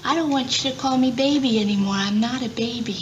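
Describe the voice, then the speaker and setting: An actress plays a naive, sweet young woman in a seventies sitcom, earnest and quietly firm. Her voice is high and girlish. The old TV recording is muffled, with noise behind it. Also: fast, lightly acted. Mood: earnest, insistent. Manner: simple, childlike earnestness. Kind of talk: 1970s multi-camera sitcom acting. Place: TV studio set, indoors. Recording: dull, noisy vintage TV soundtrack.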